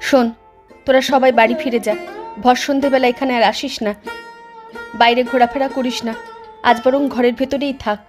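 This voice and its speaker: A woman's voice sits high, steady in tone, at normal speed with long pauses, over background music. She's a voice actor who plays both a mother and a young girl, and here she voices a caring, pleading village mother in a horror cartoon.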